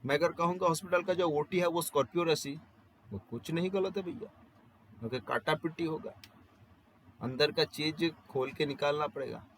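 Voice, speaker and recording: The recording is rough with slight background noise, capturing a man whose voice is on the high side and a bit bright, speaking at normal speed. He lectures an astrology class in Hindi with a Bengali accent, slipping in English phrases and relying on rhetorical questions and everyday examples.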